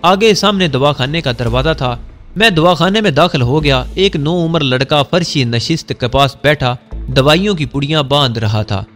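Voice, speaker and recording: A man with a fairly high voice narrates a first-person story in a measured, unhurried way. Faint music plays softly under his voice.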